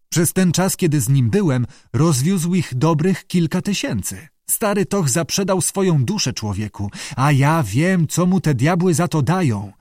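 Male reader as a wheedling little Irish deckhand for an audiobook; raised pitch, animated swings. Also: no echo, clean studio sound. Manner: wheedling, conspiratorial, quick to back down. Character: small chatty gossiping male Irish sailor. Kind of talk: audiobook character voice.

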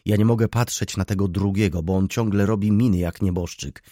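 A man voicing a fussy, complaining middle-aged baroness landlady in an audiobook, with a shrill, plaintive delivery. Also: fairly even intonation, brisk, warm tone, no echo, clean studio sound, lightly acted. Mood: plaintive complaint. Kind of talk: audiobook reading.

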